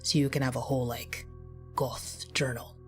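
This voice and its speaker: A woman narrator puts on a nasal, scruffy young man who is casual and nosy. He talks in a low, offhand drawl, with faint music behind him. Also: little pitch movement, normal speed. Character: scruffy young adult male entity.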